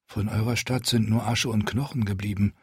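A proud, stubborn young queen, voiced by a male audiobook reader, giving orders in a raised, clipped tone. The husky edge of the reader's voice stays in the lifted pitch. The recording is dry and close. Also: steady tone, normal speed, no room sound. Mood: bitter. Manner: raised pitch, firm commanding delivery. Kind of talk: audiobook character voice.

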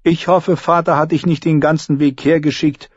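A man's voice: fairly high pitch, little pitch movement, normal speed, darkish tone, breathy edge, no room sound, muffled recording, voice pushed up. A man reading an audiobook, voicing a proud, angry queen regent in a cold, scornful tone.

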